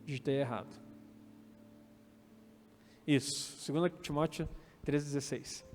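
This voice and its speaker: A male pastor with a Brazilian Portuguese accent delivers a sermon in a slightly high voice. His words ring with the long echo of a church hall, and soft instrumental music sits faintly underneath. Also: fairly even intonation, a little slow. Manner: preaching with quoted dialogue and calls of amen.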